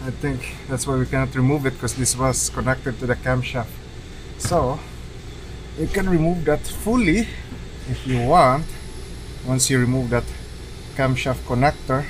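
Male mechanic for casual how-to narration: plain, practical delivery, ordinary mid pitch, recorded in a noisy garage. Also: a little slow, long pauses. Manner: plain, matter-of-fact. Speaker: mechanic giving a repair tutorial. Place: car repair garage. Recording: clear workshop background noise.

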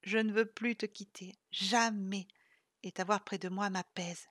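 A woman reading the lines of a gentle, weary man cursed for centuries, speaking softly and tenderly. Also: mid-range voice, fairly even intonation, measured pace, no room sound, clean studio sound.

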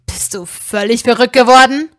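Woman doing a cranky young wizard guy, hisses and snaps, kinda lower than her usual. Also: lively intonation, slow, no echo, clean studio sound. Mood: furious. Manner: growling, hissing, curt. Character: snappish young male wizard, blindfolded and irritable.

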